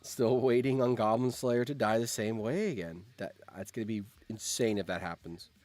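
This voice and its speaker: A man with a fairly low voice hosts a live stream at a normal speed, calling out game events and reacting with animated exclamations and repeated phrases. No room sound can be heard.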